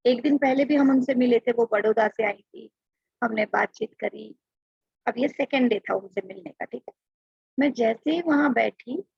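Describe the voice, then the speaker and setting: A woman's voice: on the high side, gravelly, a little mellow, breathy edge, dry recording, highs cut off. A woman chatting through a personal devotional testimony, often acting out what she said to others. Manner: chatty, quotes herself aloud. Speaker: devotee sharing experiences.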